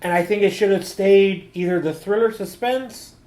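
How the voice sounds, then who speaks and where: A man co-hosting a casual film review with swearing, talking in a slangy, halting way and often repeating words. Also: high voice, a little mellow. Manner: halting, slangy, heavy use of "like" and repetition.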